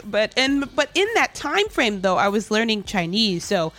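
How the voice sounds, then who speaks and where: A woman's voice: medium pitch, moderate pace. Easygoing woman host of a casual chat. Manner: laughs easily, relaxed, encouraging. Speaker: host, teacher.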